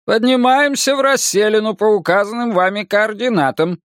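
Spaceship computer, played by a man: polite, formal, precise, pitched a little high, dry sound. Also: normal speed, fairly bright tone, no room sound. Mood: dutiful. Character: calm, formal, literal-minded spaceship computer voice. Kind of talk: audiobook character reading.

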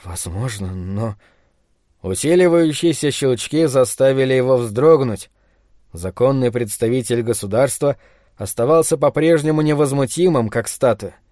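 A man's voice: medium pitch, normal speed, dry recording, studio quality. Man steadily narrating an audiobook. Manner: steady, even storytelling.

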